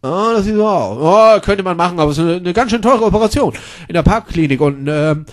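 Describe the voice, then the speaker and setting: A man voicing a calm male doctor who speaks low, quietly and matter-of-factly. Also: fast. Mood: dry.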